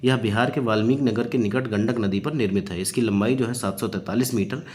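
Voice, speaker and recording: A man's voice: on the low side, fairly quick, a little mellow. A man, a coaching teacher working through past exam questions, explaining each answer with fillers and repeated phrases. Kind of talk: exam-prep lecture solving past questions.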